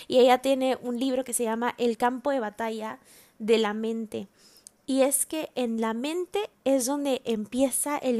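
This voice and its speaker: Woman, preacher, sermon, earnest, exhorting, repeats for emphasis, fairly high voice. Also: darkish tone. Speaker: preacher addressing women.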